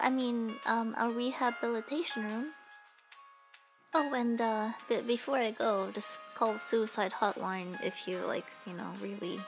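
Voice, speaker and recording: A woman playing a high-voiced, flippant young nurse. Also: natural voice. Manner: casual, joking, rambling. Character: teasing, flippant young female nurse questioning a patient. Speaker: nurse in a role-play. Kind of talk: conversational comedic role-play.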